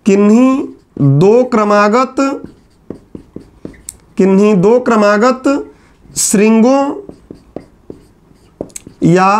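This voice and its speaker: High-pitched man teaching a lecture. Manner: asks the class questions and answers them himself; repeats key terms slowly to stress them. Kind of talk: classroom lecture at a whiteboard.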